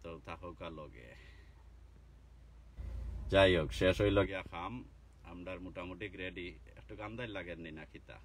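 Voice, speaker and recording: A man's voice: low-pitched, measured pace, pauses often. A man from Bangladesh with a Sylheti accent, chatting casually and teasingly on a live stream from a car. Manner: chatty, teasing, peppered with inshallah. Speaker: vlogger livestreaming from a car. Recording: faint background noise.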